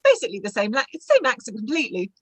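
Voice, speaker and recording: A woman's voice: on the high side, huge pitch swings, fast, breathy edge, no room sound, low-quality recording. Playful woman guest, dry close sound. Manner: playful, laughs often. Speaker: audiobook narrator, guest. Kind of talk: casual interview chat.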